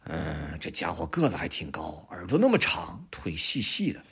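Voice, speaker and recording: A man's voice: sits low, very animated, moderate pace, bright, forceful tone, slightly rough, heavily acted. A man playing a wary scheming tiger. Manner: jumpy, stammering and exclaiming. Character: wary, scheming male tiger, cautious then greedy.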